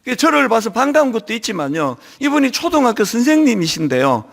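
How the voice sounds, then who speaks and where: A middle-aged man preaching a sermon as senior pastor, telling stories in an animated way with a touch of a lingering cold. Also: very high voice, fast, vocal fry. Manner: animated storytelling, acting out quoted voices. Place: church.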